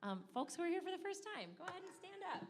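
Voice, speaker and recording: A woman's voice: extremely high pitch, sing-song, fast talker, very noisy. A woman leading a congregation, welcoming newcomers in an upbeat, chatty way with little laughs. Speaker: service leader. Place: packed indoor prayer space. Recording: loud crowd in the room.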